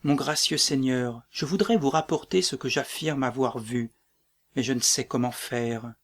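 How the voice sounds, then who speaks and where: A man's voice: mid-range voice, measured pace. A man reading the part of a frightened young male messenger soldier, hesitant then insistent.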